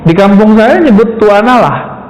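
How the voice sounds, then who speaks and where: High-voiced man preaching in an echoey hall. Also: a little slow. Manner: lively, teasing, addresses audience as Pak. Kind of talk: religious lecture. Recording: echoey hall with faint noise.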